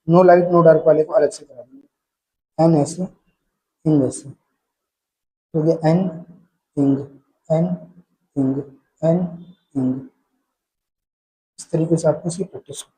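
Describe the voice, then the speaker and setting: A man teaching a shorthand lesson step by step, calling out paired sounds in a steady drill rhythm. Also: on the high side, slightly rough, rough recording.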